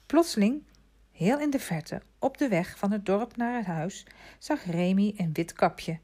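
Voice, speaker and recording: A woman narrates a storybook in a calm, measured way, her voice sitting low for a woman. She lets her delivery sink to a near hush in the quiet passages. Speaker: audiobook narrator.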